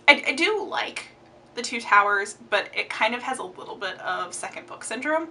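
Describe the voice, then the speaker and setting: A young woman with a slightly high voice chats expressively about her favorite books in a casual book tag vlog filmed in a room at home. She's a book vlogger who talks animatedly and gestures a lot, framed from the upper body up. The mic is far away and picks up a faint hiss or hum.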